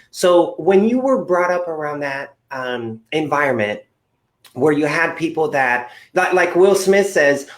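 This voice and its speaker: A man hosting an interview show, talking in an upbeat, rambling way with lots of fillers. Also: a little high. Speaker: podcast host. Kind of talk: casual interview chat.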